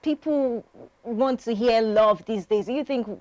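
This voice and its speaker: A woman's voice: on the high side, measured pace, darkish tone, poor audio. A woman from Nigeria hosting an entertainment interview, chatty and effusive as she praises and questions her guest. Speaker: show host interviewer.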